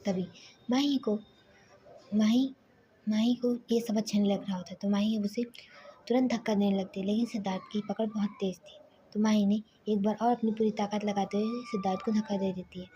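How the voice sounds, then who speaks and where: A woman storyteller recounts a tale in a relaxed, unscripted way, often correcting herself mid-sentence. Her voice is dark and mellow and drops into a hush at times. A faint hiss sits behind her. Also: mid-range voice, fairly quick, muffled recording. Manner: loose, self-correcting, partly whispered. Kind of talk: casual spoken story narration.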